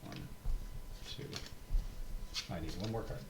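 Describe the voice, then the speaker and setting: A man's voice: unhurried, very noisy. A man in casual chat over a board game, counting and planning his moves aloud. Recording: echoey room.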